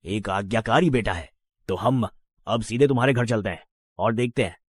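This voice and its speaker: Cast an authoritative official, low and measured. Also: male voice, slightly rough, no echo. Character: visiting mayor, measured and authoritative. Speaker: dubbing actor. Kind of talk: Hindi drama dub.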